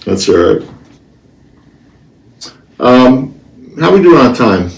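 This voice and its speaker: A middle-aged man hosting a casual podcast, talking bluntly and haltingly, with half his face numb. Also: mid-range voice, very animated, gravelly. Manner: halting, hesitant, blunt and profane. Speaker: podcast host. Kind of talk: casual solo podcast talk, personal storytelling. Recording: roomy, distant mic with faint noise.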